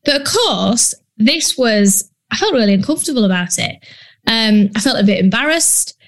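Her voice sits on the high side with a sing-song lilt and moderate pace. She's a business coach from Yorkshire in northern England, speaking in a Yorkshire accent on a casual solo podcast, blunt and chatty, with frequent ums and British slang.

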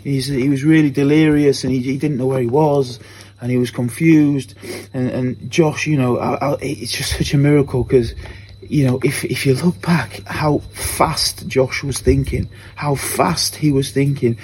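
Earnest man with a mellow voice. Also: mid-range voice, steady tone, unhurried, slight background noise. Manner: earnest, repeats phrases while recounting. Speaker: church member giving a testimony. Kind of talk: spoken personal testimony.

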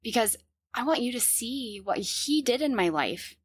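A woman's voice: a little high, very animated, moderate pace, husky, no echo, clean studio sound. A woman in her thirties hosting a podcast, telling her personal story in a candid, earnest way and laughing often. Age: 30s. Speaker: podcast host.

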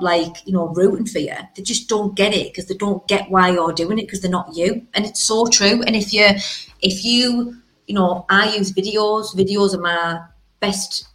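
A woman's voice: medium pitch, a bit bright, poor audio. A woman with a Teesside accent chatting casually as an interview guest, blunt and emphatic, often repeating phrases to drive a point home. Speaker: interview guest, business owner.

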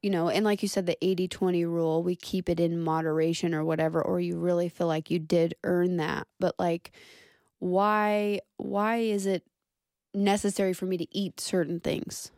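A woman's voice: on the low side, level tone, moderate pace, darkish tone, dry recording, studio quality. Chatty woman podcast host. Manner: chatty, filled with likes and you-knows. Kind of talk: casual podcast chat.

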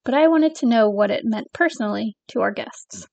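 A woman from northern England hosts a podcast and reads her prepared notes in a measured, informative way. Her voice sits fairly high, and the sound is dry and close. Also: animated, gravelly, darkish tone, no room sound. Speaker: podcast host. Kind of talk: scripted podcast narration.

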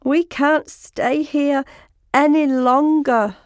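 A woman's voice: sits high, steady tone, slow pace, dry recording, studio quality, pitched above the performer's own voice. A woman voicing Lim, a nervous little male frog who cries out in panic. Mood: complaining.

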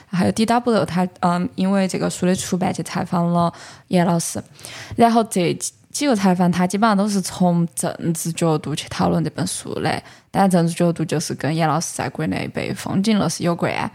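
A woman's voice: medium pitch, gravelly, a little mellow. A woman with a Sichuanese accent hosting a podcast in a casual, explanatory way, talking about books and dropping in English words. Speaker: podcast host. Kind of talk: casual book talk.

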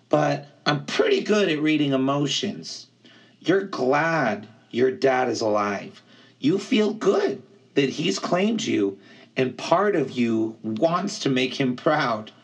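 A man voicing a gentle, earnest young male satyr in an audiobook, speaking softly in a raised voice. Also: breathy edge, full character voice. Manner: soft, coaxing, higher voice.

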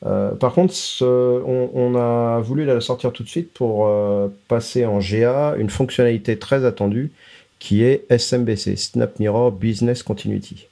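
A man's voice: medium pitch, normal speed, gravelly, mellow. A man co-hosting a casual tech podcast, explaining product releases with frequent hesitations and English tech terms mixed in.

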